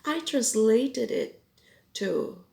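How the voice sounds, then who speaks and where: Her fairly high voice is expressive, creaky, and mellow as she explains English expressions step by step. A Cebuano-speaking Filipino woman from the Philippines, she talks slowly and quotes sample phrases during this lesson recorded in her Irish home.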